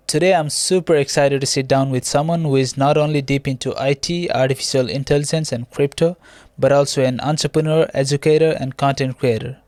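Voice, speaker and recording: A man's voice: mid-range voice, fairly even intonation, brisk, hardly any pauses, darkish tone, no room sound, clean studio sound. Easygoing male podcast host. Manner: asks questions loosely, laughs along. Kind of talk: casual interview talk.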